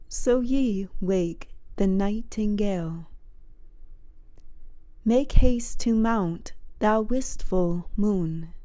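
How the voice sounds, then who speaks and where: A woman reciting poetry in a measured, deliberate way, leaving long pauses between phrases. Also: mid-range voice, dark tone, dry recording. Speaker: poetry reader.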